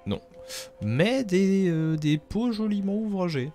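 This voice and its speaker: A man's voice: high voice, animated, takes it slowly, warm tone, faint music behind. Jokey French-speaking male streamer. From France. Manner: jokey and self-mocking. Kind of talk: casual gameplay commentary.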